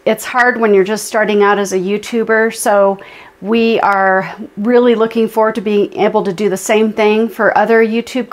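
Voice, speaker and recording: A woman in her forties co-hosts a homesteading channel, talking to camera in her kitchen in a friendly, upbeat way. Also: mid-range voice. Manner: friendly, upbeat, direct address. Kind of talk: scripted explainer to camera. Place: home kitchen indoors.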